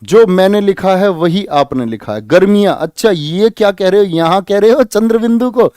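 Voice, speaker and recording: Brief: male tutor, higher-pitched voice, dry close recording, quizzes the class and repeats himself. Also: moderate pace, clear, resonant tone, dry recording. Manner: lively, repeats questions and prods students to answer. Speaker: Hindi grammar teacher for police exam students. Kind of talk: live online exam-prep class.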